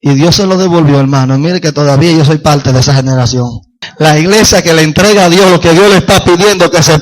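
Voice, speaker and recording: A man's voice: high voice, low-quality recording. A man with a Dominican accent preaching an evangelical sermon in a church, fervent and calling out praise as he speaks straight to his listeners. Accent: Dominican Spanish. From Dominican Republic. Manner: fervent, exclaims praise, addresses listeners directly.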